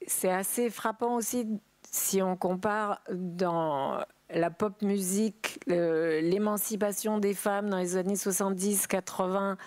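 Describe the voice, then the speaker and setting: A woman's voice: mid-range voice, darkish tone, dry recording. A woman speaking on a conference panel, adding a point and thinking aloud as she searches for names. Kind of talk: conference talk. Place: conference room with audience.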